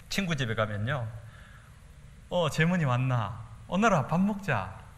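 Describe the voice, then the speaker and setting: A pastor from Daegu with a Gyeongsang accent, preaching a sermon and acting out quotes. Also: male voice, a little high. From Daegu, South Korea. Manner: animated preaching with acted-out quotes. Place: church sanctuary. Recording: church hall reverb.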